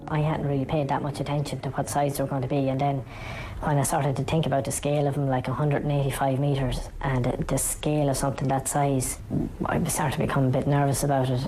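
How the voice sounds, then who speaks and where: An Irish man in an interview whose voice has been disguised by lowering its pitch. He answers haltingly, with many fillers and restarts. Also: flat delivery, mellow, rough recording. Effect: voice disguised, pitched down very low. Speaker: anonymous farmer interviewee.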